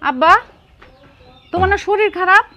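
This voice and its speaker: A woman's voice: very high-pitched, moderate pace, bright, forceful tone. An actress playing a caring eldest daughter in her young adult years, earnest and concerned about her father. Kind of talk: TV drama acting.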